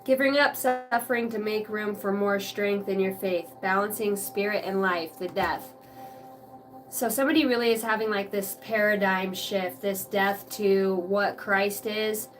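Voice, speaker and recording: A woman's voice: mid-range voice, measured pace, soft background music. Casual woman giving a rambling tarot reading. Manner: casual, rambling, many fillers and mild swearing. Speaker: tarot reader. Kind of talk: live tarot reading for viewers.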